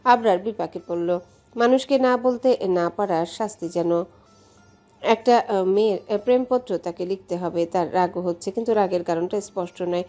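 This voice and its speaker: A woman from Bangladesh narrating a romance story in a steady, measured way. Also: medium pitch, soft background music. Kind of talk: audiobook story reading.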